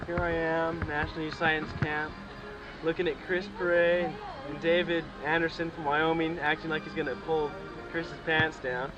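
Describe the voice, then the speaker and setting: A man's voice: on the high side, level tone, normal speed. A young man from Nevada chats casually and ramblingly while filming outdoors at a camp. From Nevada, United States. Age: young adult. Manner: rambling, informal. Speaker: camper filming with a camcorder. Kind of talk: casual off-the-cuff chat. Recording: dull camcorder sound, music behind.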